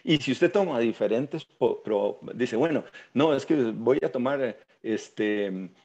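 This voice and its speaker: A man with a Costa Rican accent giving an informal science lecture, often tagging his sentences with "verdad?" and filling pauses with "este". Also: medium pitch, animated, darkish tone, slightly rough, muffled recording. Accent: Costa Rican Spanish. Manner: tags sentences with "verdad?", many "este" fillers. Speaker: guest lecturer.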